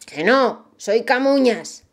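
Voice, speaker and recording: A woman voicing a stubborn, indignant old male wizard in a storybook reading, drawing his words out slowly. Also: a little high, animated, heavily acted. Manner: slow, drawn-out indignant protests.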